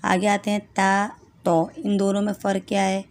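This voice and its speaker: A woman's voice: medium pitch, monotone, a little mellow. A woman teaching a step-by-step Quran reading lesson, patiently sounding out letters one by one and often checking in with her students.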